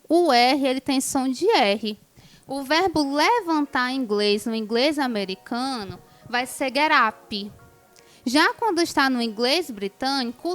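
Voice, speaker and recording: Woman, english teacher, explains things patiently, slightly high voice, bit of music behind. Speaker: English teacher, show guest. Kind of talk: explanatory interview answers.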